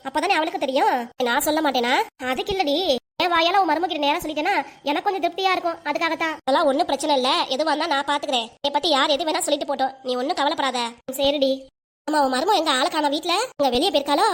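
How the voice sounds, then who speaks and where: A woman with a Kanyakumari Tamil accent voices every neighbour in a village comedy cartoon. Her voice sits high and the lines come out fast, in quick, bickering gossip.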